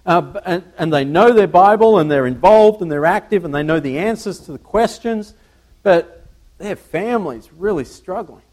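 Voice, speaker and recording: A man's voice: high-pitched, animated, darkish tone. Conversational male preacher with slides. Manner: conversational, halting with repeated words, asks the congregation questions. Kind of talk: sermon with slides. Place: church.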